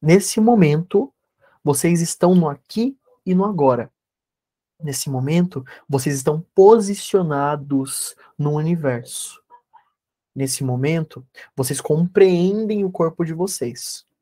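Over a video call, a man who is a therapist teaches an online energy workshop, then leads a guided meditation. His voice is dark and mellow yet fairly high in pitch, and he speaks unhurriedly at a measured pace, giving calm, repetitive instructions with steady focus.

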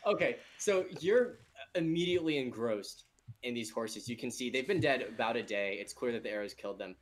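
A man's voice: medium pitch, animated, fairly quick, a little hiss or hum. A man narrating a tabletop game off the cuff as game master, in a casual way.

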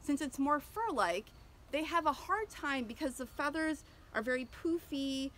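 Speaking at a normal speed in a high, fairly bright voice with lively intonation, a thirtysomething homesteader talks about her chickens outdoors next to the coop. The camera is close, and her casual educational vlog is peppered with ums and restarts.

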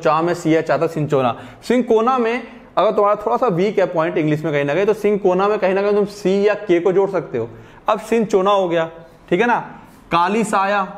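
A young male teacher with a fairly high voice, lecturing at an easy pace. He reads out textbook lines slowly and then explains them again in simpler words. He keeps checking in with his students to see whether the point is clear. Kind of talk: classroom lecture.

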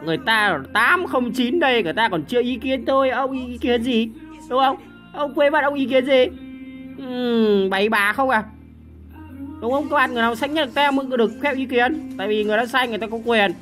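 Young man, gaming commentary, high voice, bright tone, bursts of repeated words, faint game music behind. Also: a little fast. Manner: shouting, repeating words in bursts, swearing at teammates. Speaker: gaming streamer. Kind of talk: excited gameplay commentary.

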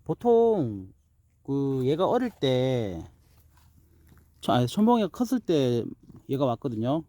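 A man's voice: mid-range voice, big pitch swings, slow, warm tone, no room sound. A man casually narrating a homemade pet video outdoors while he films, now and then chatting to the animal. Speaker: vlogger filming own dog. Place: outdoors in an apple orchard.

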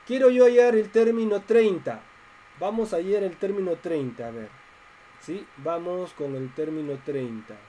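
A man's voice: a little high, mellow, slight background noise, rough recording. A man teaching a math class online, explaining step by step and asking his students questions.

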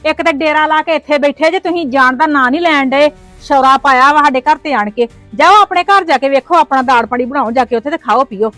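High, fast, quarrelsome Punjabi woman. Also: a bit bright, no echo, faint music behind. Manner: quarrelsome, scolding, sarcastic. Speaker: sister-in-law in a family skit. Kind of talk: scripted family drama acting.

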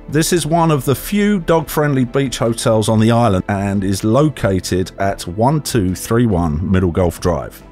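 A man narrating a travel guide voice-over in a clear, informative way, giving step-by-step directions. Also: fairly low pitch, darkish tone. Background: faint background music.

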